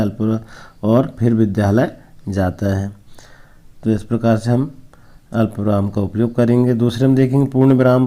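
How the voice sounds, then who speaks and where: Male schoolteacher, dark flat voice, steady lesson read-through. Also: medium pitch. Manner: slow, explaining, reads examples aloud. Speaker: teacher. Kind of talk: recorded class lesson.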